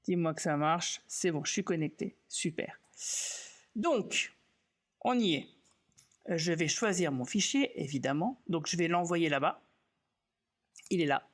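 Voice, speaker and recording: A man teaching software in a casual live stream, relaxed and self-mocking, thinking aloud with many fillers and restarts. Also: fairly high pitch, a little slow, long pauses.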